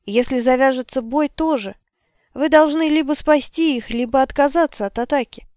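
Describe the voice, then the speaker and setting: A woman voicing a desperate young mother who pleads high and near tears. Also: normal speed, a little mellow, clean tone, no room sound, clean studio sound, natural voice. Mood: pleading.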